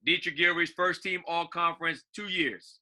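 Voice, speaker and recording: A man's voice: fairly high pitch, fairly even intonation, normal speed, pushed and bright. A man co-hosting a casual chat as a basketball coach, easygoing, laughing often and restarting his phrases.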